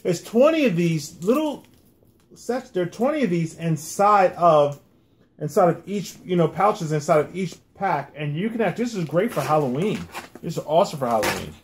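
A man's voice: a little high, lively intonation, moderate pace. A middle-aged American man hosting a casual food review, often repeating his phrases as he goes. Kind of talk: casual chat. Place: small room indoors, at a table. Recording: clear background noise and clicks.

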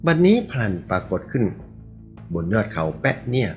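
This narrator has a creaky, mid-range voice and keeps a moderate pace as he steadily tells a martial arts story. Behind him, faint music plays on a murky lo-fi recording.

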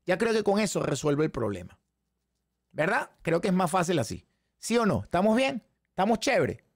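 A man with a Venezuelan Spanish accent, hoarse, teaching a live trading lesson and firing rhetorical questions at his viewers. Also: sits high, moderate pace, dry recording, clean studio sound. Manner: animated, talks straight to the chat audience with frequent rhetorical questions. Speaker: trading instructor.

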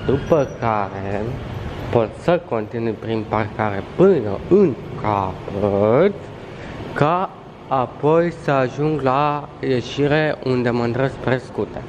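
Young man, travel vlog, joking asides, handheld camera outdoors, clear street noise behind. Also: medium pitch, expressive. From Romania. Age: 20s. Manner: chatty, joking, sarcastic asides. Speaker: travel vlogger. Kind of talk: casual vlog narration. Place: outdoors in a city street and residential complex. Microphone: camera held at arm's length.

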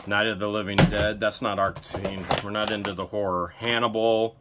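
A man in his thirties buys a storage unit and hosts a casual unboxing, chatting and joking as he digs through boxes. His voice is lowish, his delivery flat, and his speed normal. The body-worn camera recording is outdoors and noisy, with loud music and handling clicks.

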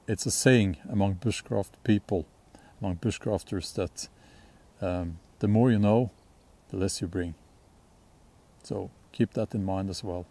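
Out in a sunny forest clearing, a man from Norway who hosts a bushcraft channel chats about outdoor gear in a mellow, low voice at a slow, easy pace. His talk wanders in a relaxed way, peppered with ums and false starts.

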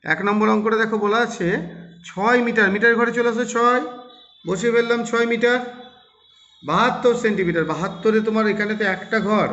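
High-voiced man teaching kids math. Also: fairly even intonation, fairly quick, fairly bright tone. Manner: patient step-by-step explaining, asks and answers his own questions. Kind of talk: classroom math explanation for children. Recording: roomy, dull lo-fi recording.

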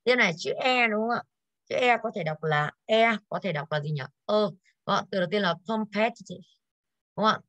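A woman's voice: medium pitch, brisk, fairly bright tone, no echo. A woman English teacher going over exercises in an online class, tired and coughing now and then, who keeps putting questions to her students.

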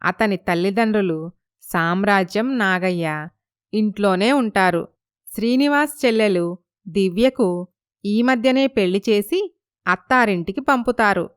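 Female storyteller, smooth, slightly high, dry close sound. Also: no echo. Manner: even, measured storytelling. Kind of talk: scripted story narration.

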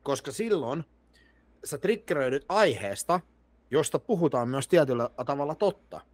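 Man, podcast guest, earnest, lively pitch, dry close sound. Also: no room sound. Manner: earnest, restarting sentences while agreeing. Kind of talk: casual podcast conversation.

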